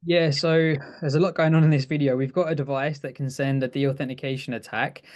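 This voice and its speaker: A man's voice: medium pitch, steady tone, fairly quick, darkish tone. Man, casual webinar explainer, self-correcting, laughs easily. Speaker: webinar co-presenter.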